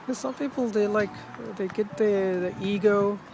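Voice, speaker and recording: Outdoors in the wind amid urban ambience, a vlogger with a medium-pitched voice and normal speed chats casually and reflectively in a rambling personal vlog. Strong wind noise hits the mic, and the speaker often trails off and rephrases.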